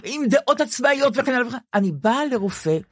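An older woman co-hosting a podcast, telling self-mocking stories in an animated, casual chat. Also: on the high side, breathy edge, no echo, studio quality. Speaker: podcast co-host.

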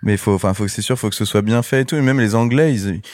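A man speaking as a film director guest in a casual interview chat, relaxed and hesitant with many fillers. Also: lowish voice, fast, dry recording.

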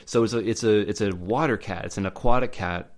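A man talking casually as podcast co-host, halting with many fillers and restarts. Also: on the low side, a little mellow. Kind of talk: casual chat about legends.

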